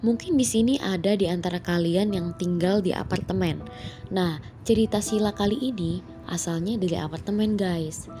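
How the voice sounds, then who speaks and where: A woman's voice: fairly low pitch, normal speed, mellow. A woman with a speech impediment on her R sounds tells horror stories as a chatty channel host, mixing in English words. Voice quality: cannot roll her R sounds, a lisp-like R. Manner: chatty, addresses listeners as guys, English words mixed in. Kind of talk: casual scripted-feel horror storytelling. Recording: voice over background music. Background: music.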